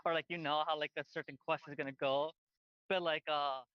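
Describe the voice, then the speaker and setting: A man with a noticeably high voice chats casually as a podcast co-host. He rambles, piles up fillers and restarts his sentences. The sound is dry, dull and lo-fi. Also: fairly even intonation, a little fast, smooth, no room sound. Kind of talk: casual chat. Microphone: headphones on, outdoors by a busy street.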